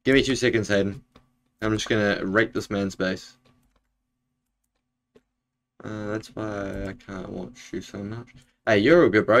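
A young man chatting casually with viewers while streaming a game from home, laid-back and full of fillers. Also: fairly low pitch. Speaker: Minecraft streamer. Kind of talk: casual live-stream gaming chat. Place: home room, indoors.

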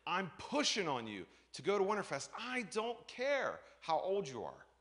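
Lively, bright-voiced male pastor. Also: sits high, normal speed. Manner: animated storytelling, acts out voices, shouts and laughs. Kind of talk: lively sermon with personal stories.

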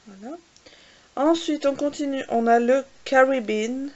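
Higher-voiced woman, hesitant casual vlog. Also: a little mellow, dull audio. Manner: hesitant, fills pauses with "euh" and repeated "voilà"; jokes self-mockingly about her English pronunciation. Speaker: beauty vlogger host. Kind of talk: casual makeup swatch vlog.

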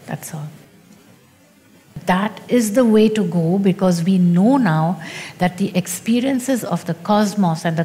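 A woman spiritual teacher speaking in a slow, deliberate and emphatic way in a teaching dialogue. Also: on the low side, dark tone, big-room sound, a little hiss or hum.

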